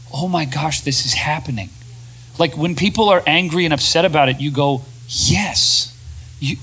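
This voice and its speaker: A man co-hosting a talk show, speaking in a casual, animated way to a room of listeners and slipping into quoted voices. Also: a little high, rough recording. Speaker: podcast co-host. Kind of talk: casual talk to a live audience. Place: room with an audience.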